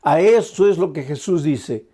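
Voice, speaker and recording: A man's voice: on the high side, lively intonation, unhurried, mellow, husky. A man preaching an evening prayer sermon as pastor, speaking earnestly and directly to the listener with repeated emphatic phrases and a shifting pace.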